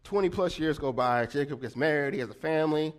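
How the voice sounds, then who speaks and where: A preacher tells a personal story during a sermon, animated and brisk, frequently checking in with listeners by asking "right?" His voice is slightly nasal and deeper than usual.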